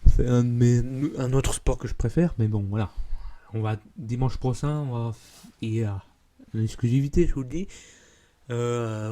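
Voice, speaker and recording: A man's voice: medium pitch, dark tone. A man with a Belgian French accent, chatting casually to his viewers, rambling and often stumbling over words and correcting himself. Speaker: YouTuber. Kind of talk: casual vlog talk.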